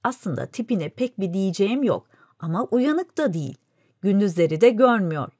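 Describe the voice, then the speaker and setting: A woman's voice: medium pitch, very animated, normal speed, a little mellow, slightly rough, dry recording, clean studio sound. A woman voicing a scornful old male crow who judges others dismissively.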